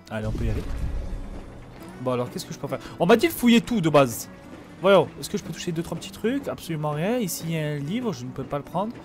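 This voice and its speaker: Young french gamer, high lively voice, jokey slangy banter, faint game music behind. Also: male voice, fairly quick, pauses often. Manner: reads tutorial text aloud. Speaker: gamer streamer. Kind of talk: casual let's play commentary.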